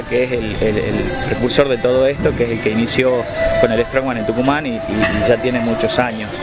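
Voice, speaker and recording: A young man with an Argentine accent, a strongman athlete, speaking hesitantly with many fillers in an interview at night outdoors. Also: medium pitch. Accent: Argentine Spanish. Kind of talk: interview statement.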